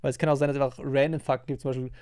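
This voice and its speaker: A man's voice: mid-range voice, level tone, a little mellow, no echo, clean studio sound. A man streaming and reacting to a video, chatting casually with lots of fillers and restarts. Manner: rambling, filler-heavy, quick to react.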